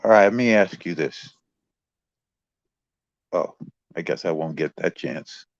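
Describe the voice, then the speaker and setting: A man's voice: low voice, measured pace, no echo, dull audio. A man in an online group call, asking pointed questions and pressing for yes or no answers.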